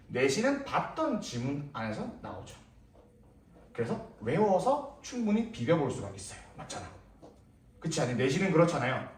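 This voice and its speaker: A man's voice: a little high, a bit bright. A young male English teacher lecturing a class, firing questions at students and repeating words as a drill, heard from a distance in a classroom. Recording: echoey room, voice from a distance.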